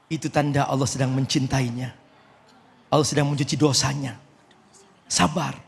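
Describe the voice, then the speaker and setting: A man preaching to a studio audience, animated and joking with them, his voice jumping up high to stress a point. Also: normal speed, gravelly. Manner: animated, jokes with the audience, swoops up high for emphasis. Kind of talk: humorous sermon to a studio audience. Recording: reverberant studio hall.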